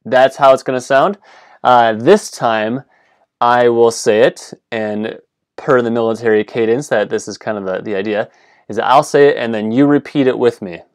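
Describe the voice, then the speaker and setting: Man leading a chanted roll call. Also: on the low side. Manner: calls out names in a loud military cadence, chats quietly between. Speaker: children's ministry teacher. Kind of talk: call-and-response chant lesson.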